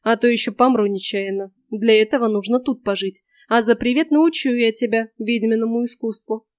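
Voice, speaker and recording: A cranky, scheming old witch grumbles along, sly and slow in her speech, voiced by a woman reading an audiobook. The voice sits a little high. The recording is dry and close. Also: fairly even intonation, no echo, lightly acted.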